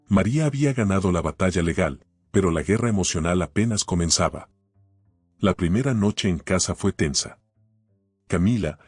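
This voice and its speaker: Male narrator, low husky voice, solemn scripted storytelling, dry close mic. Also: a little mellow, no room sound.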